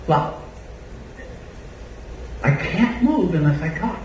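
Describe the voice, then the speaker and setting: Here the same kind of Australian man, a trainer in body language, runs a live seminar demo and puts the crowd through countdown drills. He speaks slowly in a high, sing-song voice with a darkish tone and clipped highs, captured from a distance in a noisy, reverberant hall.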